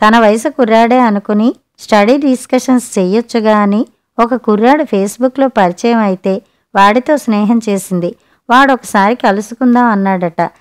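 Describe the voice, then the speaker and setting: A woman's voice: a little high, moderate pace, clear, resonant tone, close to an everyday voice. A woman narrator voicing an impatient daughter-in-law, speaking curtly and with exasperation. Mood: irritated. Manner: curt, exasperated.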